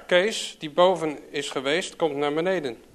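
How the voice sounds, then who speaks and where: A man reading a children's story aloud in a calm, even storytelling manner. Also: on the high side, measured pace, slight background noise. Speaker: narrator.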